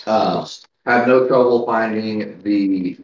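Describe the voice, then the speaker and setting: Man narrating in a roomy space. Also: on the low side. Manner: halting, informal, folksy phrasing. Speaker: game master. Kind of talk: casual improvised tabletop game narration. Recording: roomy, dull, distant from mic.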